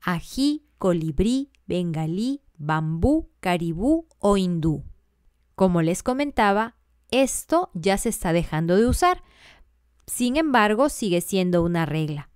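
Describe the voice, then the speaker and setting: A woman's voice: lowish voice, sing-song, measured pace, a little mellow, clean tone, no room sound, studio quality. A woman teaching a scripted grammar lesson, working through examples one word at a time and spelling out letters.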